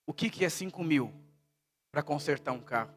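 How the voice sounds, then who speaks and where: A male pastor from Brazil preaching a sermon in a church service, telling stories and swinging between hushed and loud delivery. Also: a little high, lively intonation, moderate pace, faint music behind.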